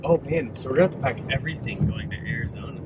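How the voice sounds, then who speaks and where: A man's voice: medium pitch, very fast, lo-fi sound, very noisy. A young man in his twenties chatting casually and teasingly with his fiancée. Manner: teasing, laughs often. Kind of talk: casual chat.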